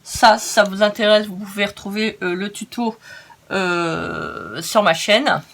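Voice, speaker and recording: A woman's voice: mid-range voice, measured pace, gravelly, a bit bright. A tired woman with a northern French accent, hosting a casual craft tutorial in a chatty, rambling way with many hesitations.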